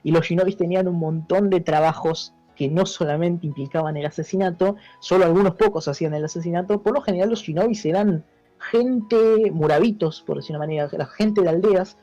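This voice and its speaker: A male history teacher with an Argentine Spanish accent is an interview guest, speaking a little fast in a high-pitched voice with a soft, dark tone. In this informal explanatory interview he's didactic and checks understanding with tag questions; the sound is dull and lo-fi over music.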